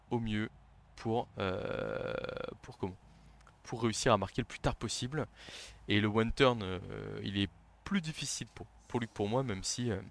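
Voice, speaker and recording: A man commentating his own board game match live, talking tactics under his breath and shouting when a play succeeds or fails. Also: on the low side, creaky. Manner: excitable, shouts on big plays, then murmurs tactics. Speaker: gaming commentator.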